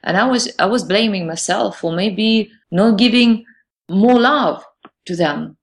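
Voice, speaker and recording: A woman's voice: medium pitch, measured pace. A woman, answering interview questions hesitantly and searching for words. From Russia.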